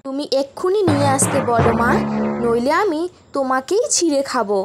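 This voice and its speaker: A bewitched young girl barks rude demands in a high cartoon voice, put on by a woman. Clear music plays underneath. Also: animated, fairly quick. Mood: demanding. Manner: high, bossy. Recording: background music.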